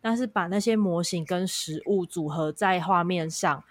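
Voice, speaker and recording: A woman's voice: on the low side, normal speed, no echo. A woman with a Taiwanese Mandarin accent co-hosting a casual podcast conversation. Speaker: podcast co-host.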